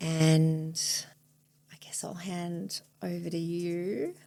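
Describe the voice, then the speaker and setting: Low gravelly woman. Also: steady tone, slow. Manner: thoughtful, searching, soft-spoken with laughs. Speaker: podcast host and therapist. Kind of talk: reflective therapy demonstration chat.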